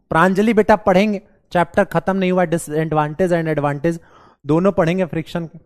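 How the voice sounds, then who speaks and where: सर्दी से बैठे गले और खांसी वाला एक पुरुष शिक्षक, बिहारी लहजे में ऑनलाइन क्लास लेता है, बच्चों को मज़ाकिया ढंग से मनाता और सवाल बार-बार दोहराता है।. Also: male voice, on the high side, fairly even intonation, a little slow. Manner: playful, coaxing, repeats questions to the class. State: hoarse with a cold, coughing. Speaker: teacher. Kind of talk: live online class.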